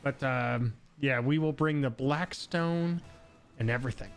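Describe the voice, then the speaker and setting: A gamer in Saint Louis chats casually with a friend while playing, joking, swearing and laughing often. His voice is mid-range and creaky with a clean tone, and his manner is profane, jokey and quick to laugh.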